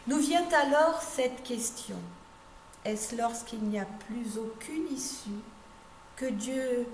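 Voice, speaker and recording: Woman, pastor, measured and emphatic, very slow delivery, faint background noise. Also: a little high, echoey room. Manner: measured, emphatic on key phrases, voice dropping at sentence ends. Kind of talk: slow meditative sermon reading.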